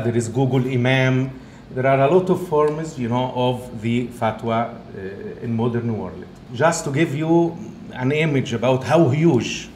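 A man with an Egyptian accent tinged with Italian, a native Arabic speaker, giving an academic lecture in halting English. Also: medium pitch, a little mellow. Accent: Egyptian, with some Italian. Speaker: guest speaker, professor. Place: indoor event room, talk being filmed. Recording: roomy echo, faint background noise.

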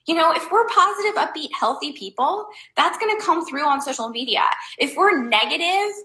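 Female host, fairly high and bright tone, loose filler-heavy delivery, blunt and emphatic, echoey room. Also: expressive, normal speed. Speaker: host giving life advice. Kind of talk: casual advice talk to viewers.

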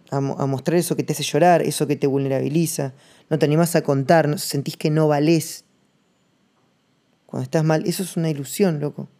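A man with a Rioplatense Spanish accent hosting a reflective solo podcast monologue, rambling and slangy, thinking aloud with pauses. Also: a little high, mellow. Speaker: podcast host.

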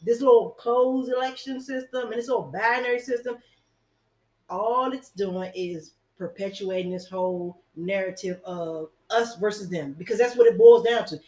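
A woman's voice: medium pitch, normal speed, darkish tone, reverberant, low-quality recording. A woman giving blunt, sardonic opinions in a casual discussion.

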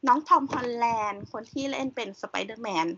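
A woman with a slightly high voice talks casually as a podcast co-host. She recommends a film with eager enthusiasm. The sound is a little dull and lo-fi. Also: steady tone, fast, a crowd in the background. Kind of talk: casual chat.

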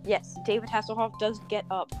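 A woman runs a tabletop game at a middle pitch, restarting her sentences as she narrates. Her voice is clear while music plays clearly behind her. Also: level tone, darkish tone. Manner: halting, restarts narration often. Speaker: dungeon master.

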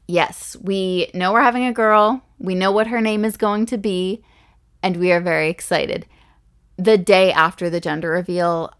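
Chatty young woman, slightly low voice. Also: fairly bright tone. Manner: gushing, chatty, with frequent restarts and laughs. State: pregnant. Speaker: podcast host. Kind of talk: casual solo podcast talk.

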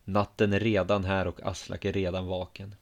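A man with a fairly low voice narrating a story in the first person. He tells it calmly, at a measured and quiet pace.

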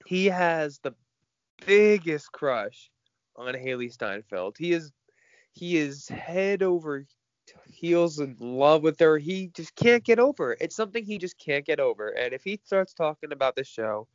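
With lively intonation and a measured pace, a man's slightly high voice comes through dull, echo-free audio. He has a stuffy nose and co-hosts a casual movie news podcast, frank and chatty, laughing between points.

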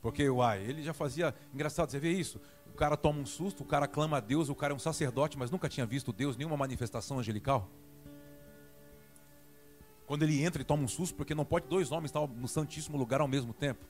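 A man's voice: fairly high pitch, fast talker, soft background music. A man with a Brazilian Portuguese accent preaching a sermon, acting out dialogue and prodding the congregation. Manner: animated, acts out dialogue and prods the congregation.

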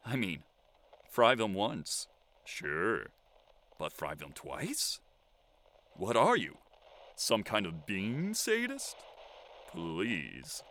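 A man's voice: on the low side, wildly swooping pitch, very slow, pauses often, a bit bright, slight background noise, heavily acted. A man playing an eccentric, theatrical lone radio host. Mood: whimsical. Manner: theatrical, flowery, mock-formal. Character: eccentric lonely male survivor hosting a radio show. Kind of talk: audio drama monologue.

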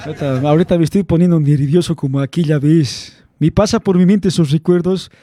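A man's voice: fairly high pitch, a little fast, dark tone. A young man rambling through a personal story, chuckling often and calling his listener by slang nicknames. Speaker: vlog host telling a story. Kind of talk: casual storytelling to camera.

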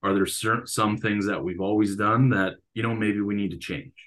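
A coach and teacher talks through his experiences in an easygoing interview. He has a very deep, low-pitched voice and speaks reflectively. His thoughts unfold like stories told to a friend. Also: steady tone, moderate pace, fairly bright tone, a little hiss or hum. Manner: reflective, storytelling. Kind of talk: casual interview conversation.

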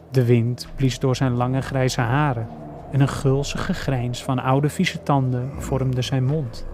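A man reading a horror story aloud slowly and deliberately. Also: mid-range voice, noisy background. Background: faint music.

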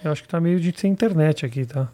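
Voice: mid-range voice, quick pace, mellow. A co-host, bantering and teasing in casual podcast talk. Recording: noisy background.

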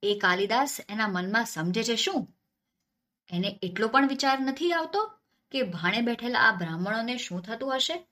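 A woman's voice: medium pitch, big pitch swings, unhurried, a bit bright. A woman voicing a proud, irate old male Brahmin scholar who scolds indignantly in a storybook tale. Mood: angry.

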